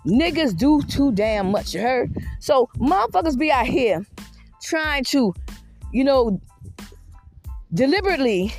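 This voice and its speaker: A high-pitched woman in her fifties delivers a defiant, confrontational monologue. She is blunt and profane, with faint music in the background. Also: darkish tone. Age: 50s. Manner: frequent "you know what I mean" asides.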